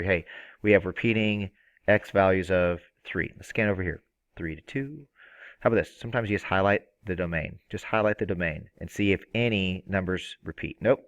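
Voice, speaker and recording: A man teaching a math lesson, energetic and playful, with excited outbursts. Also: deep voice, dull audio. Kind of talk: screen-recorded math lesson.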